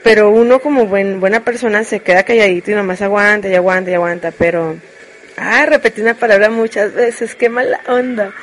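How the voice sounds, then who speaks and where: A woman's voice: mid-range voice, steady tone, brisk. A woman with a Mexican accent chatting casually and frankly to live viewers, joking as she rambles through her confessions. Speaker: streamer.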